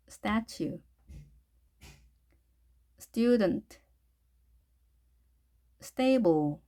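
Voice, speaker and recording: A woman teaching English phonics to adult learners, patiently explaining each sound and modelling the words slowly one by one. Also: medium pitch, darkish tone. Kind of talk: slow, careful phonics lesson.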